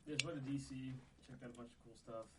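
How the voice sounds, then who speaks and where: A young man guest on a podcast with a mid-range voice, talking quickly. He tells his story in an easygoing, chatty way. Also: medium pitch, fairly even intonation, heavy background noise. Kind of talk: casual chat.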